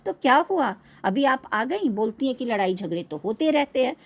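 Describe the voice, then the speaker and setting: A woman's voice: fairly high pitch, big pitch swings, normal speed. Indignant, scolding woman. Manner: indignant, scolding, asks pointed questions. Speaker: reaction video host. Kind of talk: critical commentary on online creators.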